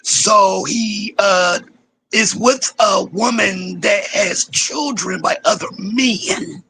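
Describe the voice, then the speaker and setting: A woman with a wheezy, husky, healing voice, chatting casually as a guest on a live show. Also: medium pitch, slow pace, fairly bright tone, a little hiss or hum. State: voice recovering, strained. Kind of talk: casual chat.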